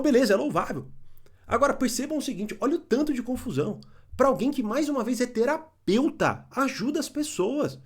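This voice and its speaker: A young adult Brazilian man giving blunt, animated opinion commentary, swearing and mocking others. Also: high-pitched, breathy edge. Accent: Brazilian Portuguese.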